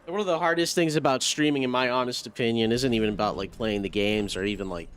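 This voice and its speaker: A man doing casual live gameplay commentary, talking to himself in slangy, profane language with excitable outbursts. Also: mid-range voice, quick pace, clear, resonant tone. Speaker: game streamer. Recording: faint background noise.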